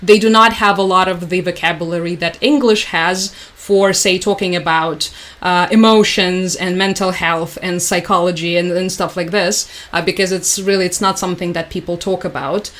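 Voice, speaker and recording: A chatty young woman hosting a livestream rambles casually, full of fillers and restarts, in a fairly low but fairly bright voice with a steady tone and moderate pace. Her first language is Russian.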